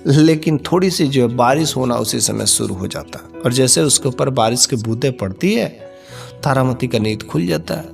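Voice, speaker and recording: A man's voice: mid-range voice, lively intonation, normal speed, creaky, soft background music. A man narrating a folk tale in a repetitive, homespun storytelling manner.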